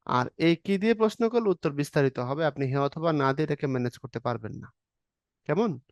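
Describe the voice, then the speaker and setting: A man's voice: fairly high pitch, lively intonation, fairly quick, no echo. A man teaching an exam-prep Bangla grammar lesson, explaining step by step, acting out short example questions and answers, and often checking that the students are following.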